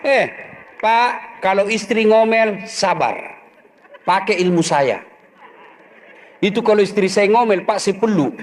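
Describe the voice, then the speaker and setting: A man's voice: high-pitched, lively intonation, unhurried, long pauses, slight background noise. A middle-aged man, preaching a humorous sermon, joking and acting out husband and wife voices.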